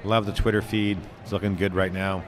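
A man's voice: low-pitched, level tone, a little fast. A middle-aged man hosting live event commentary from a conference booth, casual, joking and blunt. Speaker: tech show host. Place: conference hall studio booth. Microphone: handheld stand mic. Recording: busy crowd noise behind.

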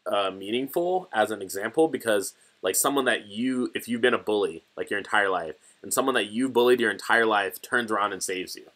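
A man's voice: on the low side, brisk, hardly any pauses. A young man co-hosting an anime reaction chat, talking casually and acting out characters in raised voices. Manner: animated, acts out quoted characters in raised voices. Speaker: co-host of anime reaction channel.

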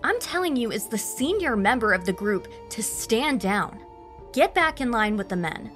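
A woman's voice: fairly high pitch, sing-song, normal speed, fairly bright tone, soft background music, voice pushed up. A woman playing a firm army sergeant. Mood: pleading. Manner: commanding, insistent. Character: male WWI sergeant, firm and commanding.

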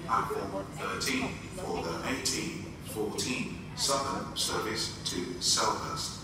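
A man's automated train announcement over a station public address loudspeaker, slowly and evenly listing departures and calling stops. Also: fairly low pitch. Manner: slow, measured listing of stops. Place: large railway station platform. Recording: echoey station hall from far off, train noise.

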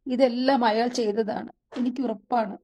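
A woman's voice: on the high side, steady tone, normal speed, warm tone, voice pushed up, natural voice. A woman voicing a frightened young woman who pleads tearfully, in a storybook reading.

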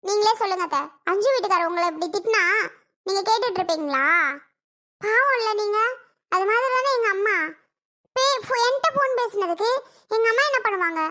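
Defiant young daughter-in-law, voiced very high and bright, complaining, family comedy skit. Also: brisk, pauses often. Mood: indignant. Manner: indignant, complaining.

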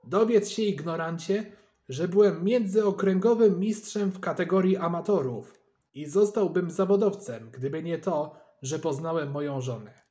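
A man doing a loud, jeering neighbor man. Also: fairly high pitch, measured pace, close to an everyday voice. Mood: mocking. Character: teasing, boastful middle-aged male neighbor.

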